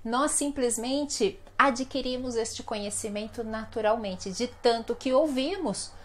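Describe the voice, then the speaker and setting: Brazilian woman teacher, casual lesson, slightly high voice, unhurried, stretches out example words. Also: a bit bright. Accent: Brazilian Portuguese. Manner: chatty and playful, drawing out example words slowly. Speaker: Portuguese teacher. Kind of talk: casual online language lesson.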